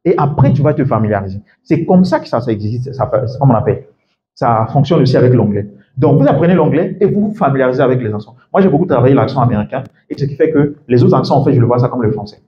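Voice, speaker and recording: A man's voice: mid-range voice, lively intonation, fast, slight background noise. A man coaches a live group in casual French, repeating English words to model how they sound. His voice sits in the middle of the range. The recording is dull and lo-fi, with a roomy echo. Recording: echoey room, dull lo-fi sound.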